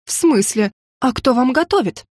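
A woman voicing a haughty, hysterical noble mother who scolds in a shrill voice. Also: expressive, moderate pace, a little mellow, no room sound, studio quality. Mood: indignant.

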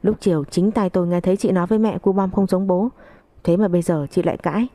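A woman's voice: fairly low pitch, quick pace, dark tone, dry recording, lightly acted. A woman reading the part of a hurt, furious young wife who accuses and sobs, in a storybook narration. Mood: accusing. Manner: accusing, tearful.

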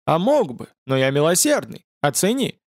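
A man reading an audiobook voices a male fallen angel who speaks with mocking, deliberate nonchalance. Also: on the high side, big pitch swings, no echo, clean studio sound, voice pushed up.

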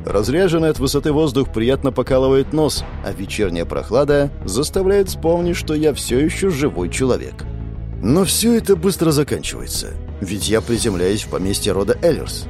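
A man reading a first-person fantasy novel aloud in an expressive, animated way at a close microphone. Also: medium pitch, normal speed, over music. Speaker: audiobook narrator.

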